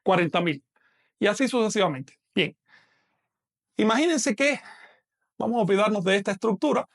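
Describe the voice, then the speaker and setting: A man's voice: high voice, animated, normal speed. A man teaching a live online lesson, patiently explaining step by step and asking questions that he then answers himself.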